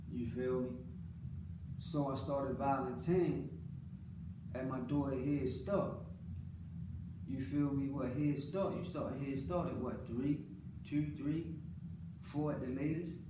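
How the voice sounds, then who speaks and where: An American man speaking off the cuff in an earnest, colloquial personal monologue, repeating phrases for emphasis. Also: medium pitch. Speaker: father speaking about his own life. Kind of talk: unscripted personal monologue, casual talk. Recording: roomy, distant mic, clearly noisy background.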